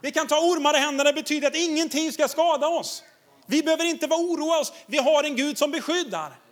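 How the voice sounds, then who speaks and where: A man preaching a sermon as pastor, enthusiastic and exhorting, laughing often as he tells stories. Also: very high voice.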